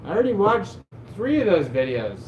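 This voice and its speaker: With a high voice, big swings in pitch and a fairly quick delivery, this man hosts a livestream from his desk at home. He tells loose, rambling stories, mocking himself and saying "like" constantly. An echoey room and faint hum color the recording.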